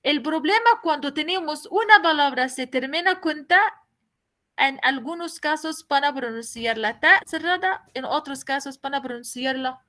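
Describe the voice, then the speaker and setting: A woman's voice: high voice, lively intonation, moderate pace, pushed and bright. A woman teaching a language class, explaining patiently, repeating each point and asking her students questions. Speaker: Arabic teacher.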